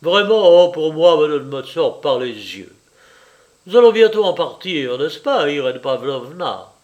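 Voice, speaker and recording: Man doing a smug general in an audiobook, loud, fake polite, kinda high. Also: big pitch swings, measured pace, lo-fi sound. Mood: hearty. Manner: loud, hearty and mocking politeness. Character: smug middle-aged general, falsely courteous. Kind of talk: audiobook character reading.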